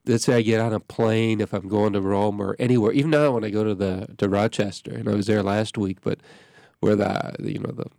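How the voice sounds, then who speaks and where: A man's voice: fairly low pitch, little pitch movement, a little fast, creaky, dark tone, no room sound, studio quality. A congested man, a pastor hosting a radio show, talking in a rambling way that keeps breaking off and restarting. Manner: rambling, self-interrupting. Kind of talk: casual radio chat. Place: radio studio.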